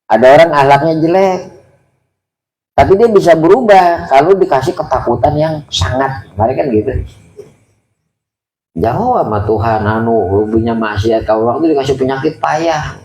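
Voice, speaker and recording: A religious teacher with a mid-range, somewhat dark voice gives a casual sermon from a kitab, going through Arabic phrases line by line in everyday language. It's a study gathering at a mosque, recorded in a roomy hall with faint ambience.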